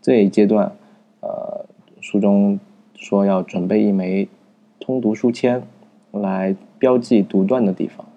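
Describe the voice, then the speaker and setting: A man with a low, gravelly voice, very dark and husky in tone. He explains a book's reading method in a loose, conversational way, hesitating often with fillers and starting his sentences over. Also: level tone, a little slow, lo-fi sound. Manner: thinking aloud with many fillers and restarts. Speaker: book review narrator. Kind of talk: casual spoken book summary.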